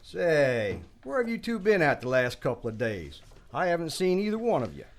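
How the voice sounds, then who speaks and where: An actor playing an inquisitive, plain-spoken frontier town doctor in a western radio drama. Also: male voice, fairly high pitch, huge pitch swings, moderate pace. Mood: curious.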